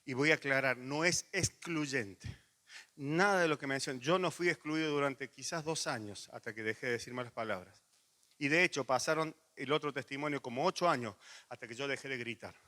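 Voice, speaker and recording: Bright-voiced Rioplatense pastor preaching. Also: male voice, mid-range voice, fast talker. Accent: Rioplatense Spanish. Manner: animated storytelling with laughs, then quiet intimate pleading. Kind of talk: sermon.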